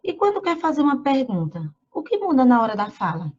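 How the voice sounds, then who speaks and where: A woman from Brazil who teaches young children in a remote lesson. She reads slowly, names the punctuation marks aloud and asks the children questions. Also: high-pitched, very animated, darkish tone, muffled recording.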